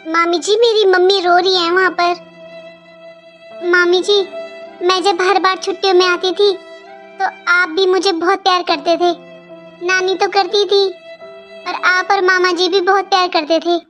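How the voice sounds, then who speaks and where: A woman's voice: very high-pitched, flat delivery, a little slow, pauses often, fairly bright tone, soft background music. A woman voicing a young, outspoken girl in a cartoon, talking in an earnest, pleading way. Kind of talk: cartoon voice acting.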